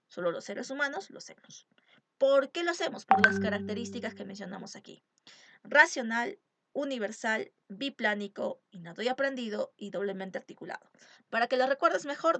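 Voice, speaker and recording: Emphatic woman teacher, higher voice. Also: fairly bright tone, dry recording. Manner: emphatic, asks rhetorical questions. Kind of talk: exam-prep lecture.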